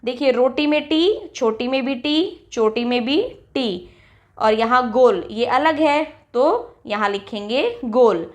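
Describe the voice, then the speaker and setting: A woman teacher walking young children through a textbook lesson, reading each example word slowly and clearly. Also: a little high. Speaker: primary school teacher.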